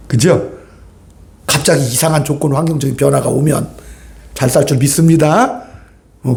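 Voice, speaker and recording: A man preaches in a high-pitched yet soft, mellow voice, filling a reverberant church sanctuary. His sermon feels like a conversation, and he keeps prompting the pews to agree. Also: vocal fry. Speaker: pastor. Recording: echoey church room.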